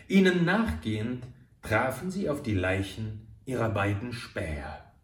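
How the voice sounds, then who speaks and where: Slow, dramatic male storyteller in a roomy room. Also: medium pitch. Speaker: narrator. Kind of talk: audiobook narration of an adventure novel. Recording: roomy, far from the mic.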